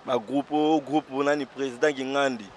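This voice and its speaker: A man, a stage comedian and actor telling his story in a casual interview. He talks in animated bursts, dropping to quiet asides and rising to loud exclaims. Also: mid-range voice, moderate pace, slight background noise.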